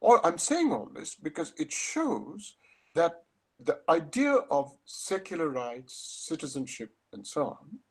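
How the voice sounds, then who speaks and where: A man's voice: fairly high pitch, big pitch swings, a little slow, slightly rough. An older man giving an academic lecture over a video call, thoughtful and emphatic, often restarting his phrases.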